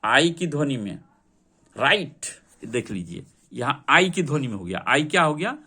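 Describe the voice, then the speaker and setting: A man's voice: mid-range voice, very animated, normal speed, pushed and bright, husky. A man teaching English vocabulary to a class, drilling word meanings and asking students to repeat them.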